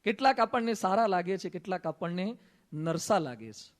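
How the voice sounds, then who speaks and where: High-voiced Gujarati monk preaching. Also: male voice, animated, moderate pace. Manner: storytelling with quoted dialogue and humor. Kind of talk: sermon. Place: assembly hall.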